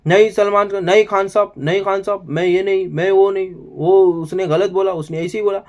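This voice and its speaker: A woman's voice: medium pitch, fairly even intonation, moderate pace, darkish tone, muffled recording, voice pushed up, lightly acted. A man putting on the voice of a stubborn, insistent woman who refuses to listen.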